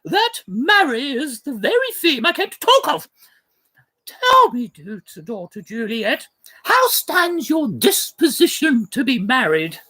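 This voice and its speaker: A woman voicing a composed noble mother who speaks in a measured, formal and persuasive way, in a theatrical play reading. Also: high-pitched, very animated, pushed and bright, heavily acted.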